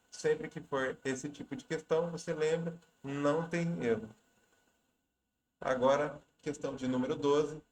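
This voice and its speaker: A man explains exam questions step by step in an easygoing lesson voice. He restarts phrases as he thinks aloud. The room around him adds a clear echo. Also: a little high, darkish tone, a little hiss or hum. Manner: conversational, repeats and restarts words while explaining. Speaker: exam prep teacher.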